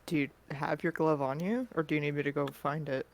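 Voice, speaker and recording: A player in a tabletop game, chatty and quick to laugh. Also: mid-range voice, fairly even intonation, gravelly. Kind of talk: casual tabletop role-play.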